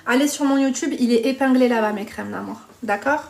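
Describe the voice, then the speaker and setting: A woman's voice: a little high, fairly quick, vocal fry. A woman hosting a live stream, chatting bluntly with viewers, reading their comments and giving dating advice while calling them pet names.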